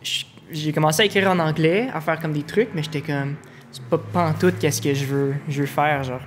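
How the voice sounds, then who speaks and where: On a casual podcast, a guest music producer, a young Ontario man whose first language is English, speaks at a moderate pace in a fairly high, raised voice, with a little hiss or hum in the audio. Relaxed and laid-back, he drops English slang into French and laughs frequently.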